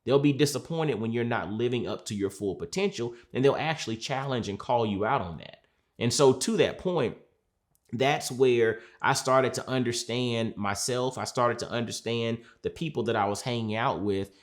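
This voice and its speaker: A man, a mindset coach from Georgia, talking in a reflective sit-down, earnest and measured, repeating phrases for emphasis. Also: mid-range voice. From Georgia, USA.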